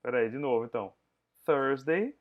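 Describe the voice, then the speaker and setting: A male teacher running an English review class over a video call, his pitch sitting mid-range for a man. He moves between explanations and slow, careful English words for students to repeat. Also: animated, phone-quality sound. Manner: mixes English and Portuguese, drills pronunciation slowly.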